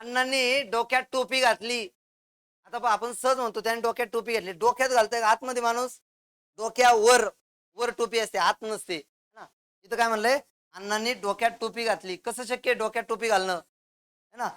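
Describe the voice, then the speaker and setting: A male teacher works through a grammar lesson with a smooth, resonant voice. He explains each point step by step with examples, keeps tossing quick questions at the class, and supplies the answers himself. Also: extremely high pitch, fairly even intonation, fairly bright tone.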